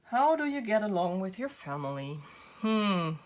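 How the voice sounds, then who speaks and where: Recorded on a camera's built-in mic, this woman hosts a craft channel and rambles in a relaxed way while working, punctuating it with self-deprecating laughter. Her mid-range voice has a sing-song lilt and moves at a normal pace.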